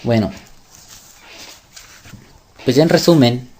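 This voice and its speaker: A man's voice: medium pitch, takes it slowly, mellow, slight background noise. A man teaching scripture in a sermon style, emphatic and fond of rhetorical questions. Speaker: religious teacher.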